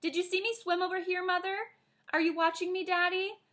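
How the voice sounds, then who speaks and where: A woman voicing a spirited, dramatic little girl who pleads and shouts excitedly. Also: very high voice, a little fast, voice pushed up.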